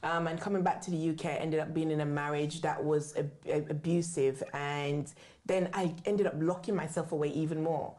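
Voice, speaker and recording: Her deep, slightly mellow voice holds a steady tone at a moderate pace. The speaker, a UK-born woman raised in Jamaica, is an author and book writing mentor giving a candid, story-driven interview as a guest.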